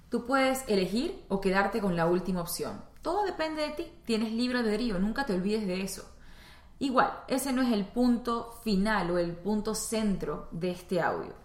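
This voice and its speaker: Woman, Venezuelan accent, spiritual teacher, conversational monologue, echoey room. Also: mid-range voice. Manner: conversational, addresses listener directly. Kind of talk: spoken self-help monologue.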